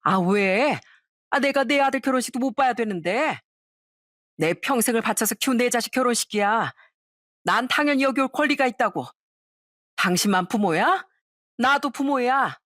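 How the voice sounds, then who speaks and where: A woman's voice: on the high side, animated, normal speed, long pauses, fairly bright tone, dry recording, clean studio sound, pitched above the performer's own voice. A woman voicing a shameless, pushy middle-aged ex-wife. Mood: brazen. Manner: pushy, self-assured.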